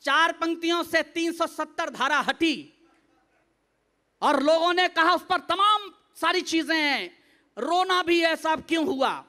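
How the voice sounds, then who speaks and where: High-voiced man declaiming rousing verse. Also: unhurried, pushed and bright. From Uttar Pradesh, India. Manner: declaiming rousing verse, coaxing the audience to applaud. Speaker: poet. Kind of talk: live stage poetry recitation. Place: stage at a live poetry gathering.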